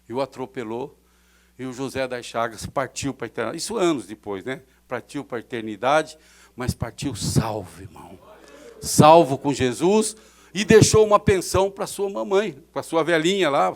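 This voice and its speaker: A middle-aged man with a Brazilian accent, a pastor preaching a fervent sermon in church, swelling loud and dropping soft. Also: mid-range voice, expressive, normal speed. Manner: fervent preaching with sudden swells and drops in loudness.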